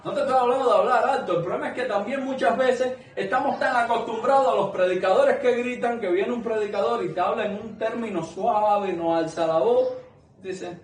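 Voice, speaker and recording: In an echoey room picked up by a distant mic, a man whose voice sits high delivers a sermon a little fast, with slight hiss or hum audible. He addresses a small congregation earnestly and conversationally, asking lots of rhetorical questions.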